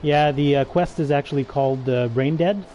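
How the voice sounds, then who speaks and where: Hesitant man with a dark voice. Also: a little high, normal speed, a little hiss or hum. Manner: hesitant, full of "uh" fillers and restarts. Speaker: gaming livestreamer. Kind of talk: casual gameplay commentary.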